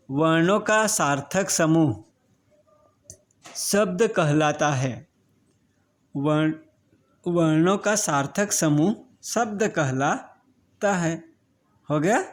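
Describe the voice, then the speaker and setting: A man teaching a grammar lesson, explaining each word step by step and often checking whether students understand. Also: fairly high pitch. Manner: slow, drawn-out, checks understanding with repeated questions. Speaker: school teacher.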